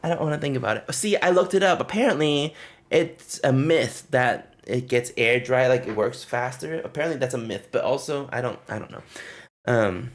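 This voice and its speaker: A man's voice: mid-range voice, normal speed. A man livestreaming, casually telling trip stories to his chat, laughing often and breaking off to greet and thank viewers. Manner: animated, laughing often, rambling with fillers.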